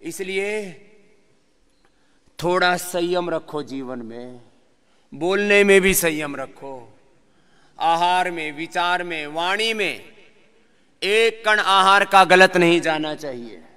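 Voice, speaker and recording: High, bright-voiced man leading yoga. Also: slow, pauses often, clean tone. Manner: lively, sings verses, jokes with class. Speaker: yoga teacher. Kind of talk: live yoga class instruction and talk.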